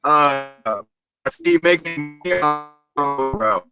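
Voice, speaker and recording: A man's voice: fairly high pitch, slow pace. A man on a call whose audio breaks up into glitchy, robotic sound, talking in a slangy, casual way while out on a run. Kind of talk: casual chat on a live stream call. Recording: dull lo-fi call line with music behind.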